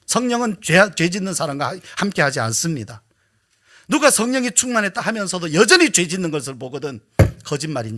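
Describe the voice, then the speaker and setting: Male pastor, sermon, lively up-and-down delivery, slightly high voice, hushed asides and emphatic questions. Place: church sanctuary.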